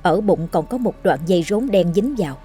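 A woman narrating a scripted horror story in a steady, measured way. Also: lowish voice, faint music behind.

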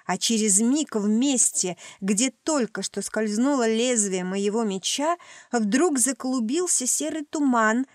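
Woman narrating a dark fantasy audiobook. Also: a little high, dry recording, clean studio sound. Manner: tense, dramatic delivery with commanding outbursts.

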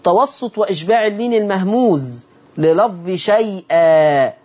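A man with an Egyptian Arabic accent teaching the rules of Quranic recitation, explaining step by step, asking his listeners questions and repeating words slowly to demonstrate them. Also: high-pitched, expressive, a little mellow, lo-fi sound. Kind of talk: religious lesson on Quranic reading rules.

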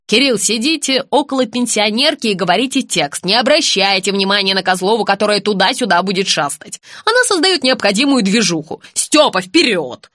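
A woman's voice: mid-range voice, expressive, fairly quick, hardly any pauses, a bit bright, no echo, studio quality, natural voice. A woman voicing an impatient, bossy female film director who barks orders. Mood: commanding. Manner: commanding, exasperated.

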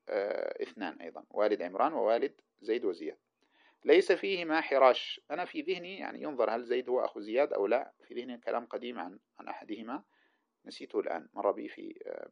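A man's voice: mid-range voice, gravelly. A man teaching hadith sciences in a lecture, reading passages aloud and spelling out the letters and vowels of names as he explains them. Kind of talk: lecture commenting on a classical text. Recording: dull lo-fi recording.

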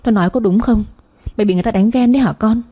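A woman's voice: a little high, rapid-fire, dark tone, husky. A woman putting on a wailing old mother. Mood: wailing scolding. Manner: wailing, scolding. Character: shrill older mother, wailing and scolding.

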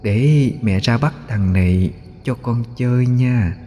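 A man voicing a vengeful female ghost, speaking slowly in a hushed, mocking tone. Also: mid-range voice, in a large hall, slight background noise, voice pushed up, natural voice. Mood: coaxing. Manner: slow, taunting, hushed.

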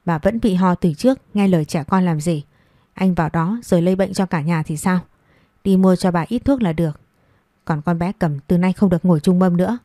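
A cruel village wife with a low, mellow voice who hisses her scolding, as a woman narrator puts her on. She is harsh and bitter toward a child. The delivery is dry and close. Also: a little fast, no echo, close to an everyday voice. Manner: hissing, scolding.

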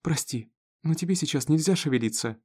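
A male narrator voicing a frantic, anxious farm wife who turns sharp and commanding. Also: medium pitch, fast, pitched above the performer's own voice, lightly acted. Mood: firm.

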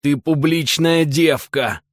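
A man voicing a self-pitying, theatrical middle-aged husband who whines in a drawn-out nasal tone, read as an audiobook character. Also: on the high side, no room sound, clean studio sound, lightly acted. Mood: whining tirade.

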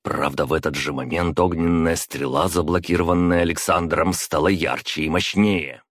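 A man narrating a fantasy audiobook in a steady, measured way. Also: low voice, dry recording, studio quality.

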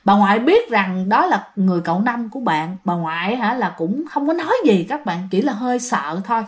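A woman narrating a ghost story, animated and talking directly to her listeners. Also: mid-range voice, brisk.

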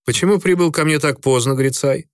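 A man reading a calm stern fleet commander. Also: fairly high pitch, brisk, dry recording, studio quality, voice pushed up, close to an everyday voice. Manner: even, matter-of-fact.

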